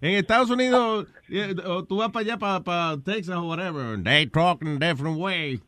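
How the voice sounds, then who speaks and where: A man's voice: sits high, fairly quick, pushed and bright, dry recording. Dry-sounding bilingual co-host man. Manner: switches between Spanish and English, interjects. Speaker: radio co-host. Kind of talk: casual radio debate.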